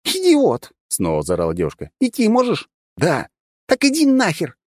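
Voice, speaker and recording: A man voicing a harsh, bossy young woman fighter with a thin, almost childlike voice who yells orders and insults. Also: sits low, wildly swooping pitch, quick pace, no echo, clean studio sound, exaggerated voice. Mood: shouting, impatient.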